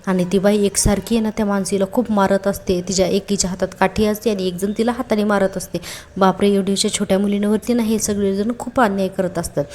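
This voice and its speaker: Woman going over a soap episode, chatty, mellow warm voice, lots of exclaiming. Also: mid-range voice, a little hiss or hum. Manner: chatty, exclaiming, retells scenes with quoted dialogue. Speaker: serial episode reviewer. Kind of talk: casual episode recap.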